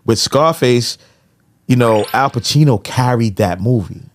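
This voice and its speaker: With a mid-range voice and measured pace, an American podcast host chats casually. His talk is full of slang and tags such as "you know."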